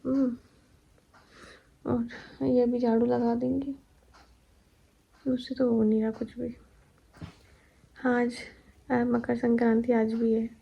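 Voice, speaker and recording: A woman's voice: a little high, little pitch movement, takes it slowly, vocal fry, pauses often, slightly rough, muffled recording. A young pregnant woman chatting at home about her day, tired and laughing now and then as she tells stories. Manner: chatty, laughing, recounting daily life. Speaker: vlogger. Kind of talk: casual chat.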